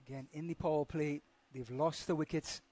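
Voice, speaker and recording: A man's voice: a little high, steady tone, brisk, dark tone. A man commentating live on a cricket match as the play happens.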